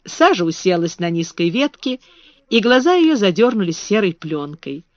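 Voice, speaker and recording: A woman narrating a children's storybook in an expressive reading voice. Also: mid-range voice, moderate pace, no room sound, dull audio. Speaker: audiobook reader.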